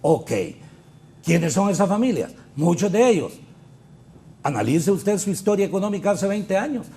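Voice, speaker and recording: Emphatic politician, higher voice. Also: male voice, vocal fry. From Honduras. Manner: argumentative, emphatic with rhetorical questions. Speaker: politician guest. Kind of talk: political interview commentary.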